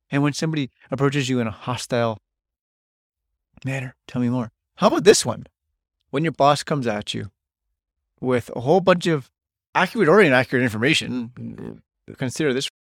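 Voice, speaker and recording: A man's voice: medium pitch, gravelly, dry recording, studio quality. A middle-aged man hosting a solo podcast, talking bluntly and emphatically and swearing freely. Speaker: podcast host.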